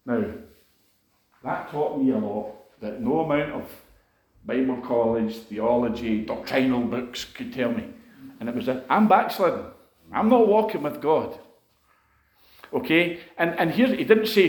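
A man's voice: mid-range voice, expressive, measured pace, a little mellow. A man preaching to a congregation, telling a personal testimony in a conversational, emotional way, with frequent fillers and restarts. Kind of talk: sermon testimony. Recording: echoey room.

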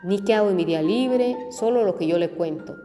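A woman's voice: mid-range voice, a little fast, close to an everyday voice. A woman reading a humble young male chauffeur who confides his troubles in a plaintive way. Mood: earnest. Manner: plaintive, confessional. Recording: reverberant room with faint music.

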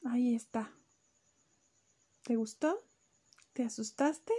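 A woman telling a children's story to a child, animated and full of sound effects. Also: a little high, slow, slight background noise.

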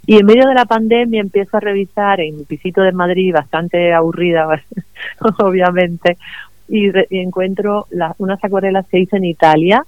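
A middle-aged woman from Cuba, a guest writer speaking warmly and laughing often in a remote radio interview. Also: fairly low pitch, no echo, muffled recording. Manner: warm, enthusiastic, laughs often.

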